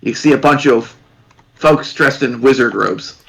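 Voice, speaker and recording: A man's voice: medium pitch, vocal fry, a bit bright, low-quality recording. A man narrating as dungeon master, rambling and restarting his sentences. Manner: rambling, halting, many restarts. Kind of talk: narrating a tabletop game.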